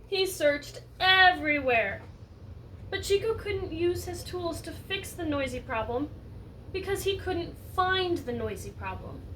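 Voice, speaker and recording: A high-voiced woman, a teacher, brings a children's picture book to life with an animated reading, asking the young audience questions and adding asides. The mic is placed far from her, picking up light noise in the background.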